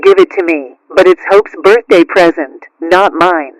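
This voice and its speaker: Man as a high-voiced, caring mother cat. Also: measured pace, no echo, low-quality recording. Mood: polite suspicion. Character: caring, gently firm middle-aged mother cat. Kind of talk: cartoon character acting.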